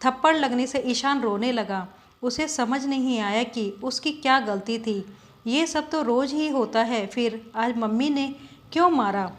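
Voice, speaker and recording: Brief: female storyteller, slightly high voice, scripted narration, voices each character without changing her own voice. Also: unhurried. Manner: reads every role in her own voice.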